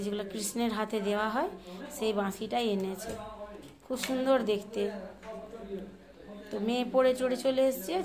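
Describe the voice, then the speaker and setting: A middle-aged woman from Bengal chatting in a rambling way while she bakes in her home kitchen, sometimes speaking softly. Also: on the high side. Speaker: home cooking vlogger. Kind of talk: casual chat while baking. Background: fan hum and rain outside.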